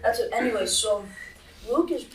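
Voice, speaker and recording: A man's voice: very high voice, animated, brisk. A teenage boy co-hosting a casual podcast with friends, giving blunt, dry retorts. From Armenian and Polish family. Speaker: podcast co-host. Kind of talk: casual chat among friends. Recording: echoey room, from a distance.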